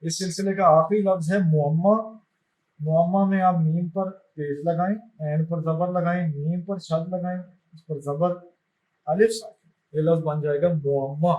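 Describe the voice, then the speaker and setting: Man teaching slowly, careful dictation. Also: on the high side, fairly even intonation, dark tone. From Pakistan. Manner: slow, careful dictation of vowel marks. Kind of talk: classroom lesson.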